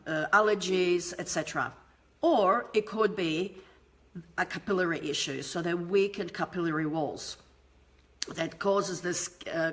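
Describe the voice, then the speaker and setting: On the low side but fairly bright, this woman's voice belongs to a forties-aged beauty therapist streaming a skincare lesson live. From her home room with a lamp and shelf, she chats via the desk webcam, often restarting and saying um.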